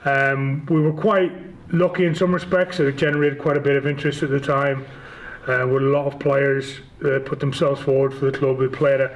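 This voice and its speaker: A man in his forties from Northern Ireland, the chief executive of a rugby league club, gives casual interview answers as a guest, his Northern Irish accent paired with hesitant, stop-start phrasing. He has a medium pitch with little pitch movement and a moderate pace. The audio quality is poor.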